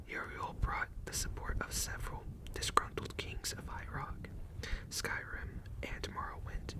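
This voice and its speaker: A person whispering close to the ear in an ASMR style, reading carefully from a book and sometimes stumbling over words. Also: low-quality recording. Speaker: ASMR host. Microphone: close ear-to-ear microphone.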